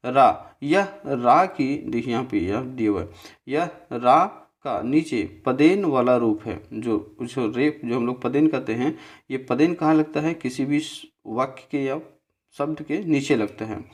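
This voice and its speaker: A man teaching a grammar lesson over a slide, explaining step by step and often checking in with his listeners. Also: mid-range voice. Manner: slow, repetitive, checks in with "theek hai"; spells out syllables slowly.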